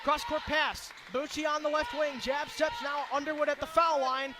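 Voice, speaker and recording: In an indoor basketball arena, a very high-pitched play-by-play commentator calls the game for radio, excited and projecting in short, clipped, rapid-fire phrases. Loud crowd and gym noise fill the recording, with crowd noise and a bouncing basketball behind him.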